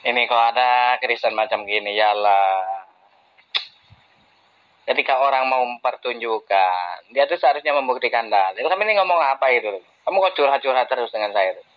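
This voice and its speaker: A man's voice: mid-range voice, animated, normal speed. Man debating over voice chat, scornful, chuckles often; dull lo-fi audio. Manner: mocking, laughs between jabs. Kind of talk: heated online debate.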